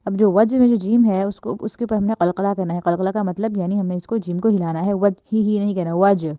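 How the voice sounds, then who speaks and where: A woman teaching Quran recitation, slowly sounding out each word and repeating the correct and incorrect forms. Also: medium pitch, steady tone, mellow, no room sound. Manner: drills words slowly, contrasts wrong and right forms. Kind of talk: step-by-step pronunciation lesson.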